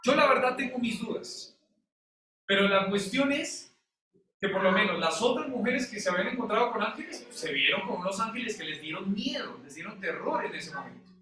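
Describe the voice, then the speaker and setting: A male pastor preaching a sermon, animated and putting questions to the congregation. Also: high-pitched, a little fast. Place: church sanctuary. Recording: echoey church hall, mic at a distance.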